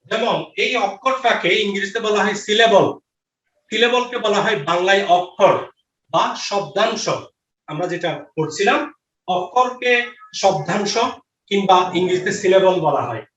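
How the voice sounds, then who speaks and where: This online grammar lesson features a male teacher whose high, fairly bright voice moves at an unhurried pace. He repeats every question and answer and checks with his students, captured in dull, distant, roomy lo-fi sound.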